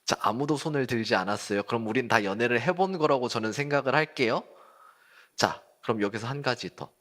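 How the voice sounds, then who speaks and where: A man's voice: medium pitch, brisk, a bit bright. A man preaching a sermon at a youth service, talking casually and putting questions to the congregation. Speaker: youth group pastor. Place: church service.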